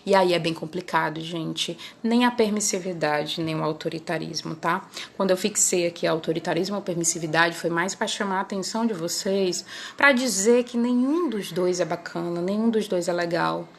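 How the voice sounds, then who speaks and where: A woman's voice: lowish voice, moderate pace, gravelly, hardly any pauses, a little hiss or hum. A woman hosting her parenting channel, chatting casually and often ending her phrases with little tag questions. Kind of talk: casual talk to camera.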